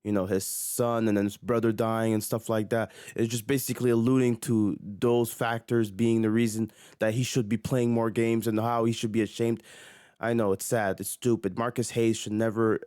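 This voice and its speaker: A young man ranting heatedly about basketball from his home at night, exasperated and swinging between near-shouts and hushed mutters. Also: lowish voice, no room sound, clean studio sound. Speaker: sports commentator. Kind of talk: heated sports rant.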